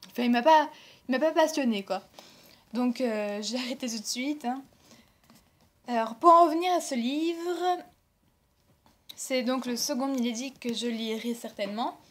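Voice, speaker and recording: Young french woman with a high voice, chatty book haul, lots of euh and restarts. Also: a little slow, long pauses. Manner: chatty, rambling with many fillers and self-corrections. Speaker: book blogger. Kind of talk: casual book haul vlog.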